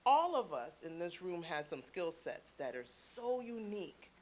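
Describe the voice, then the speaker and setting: A woman from Canada speaking to a church congregation, telling stories with playful asides in a lively sermon. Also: on the low side, unhurried, a little hiss or hum. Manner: chatty storytelling with playful asides.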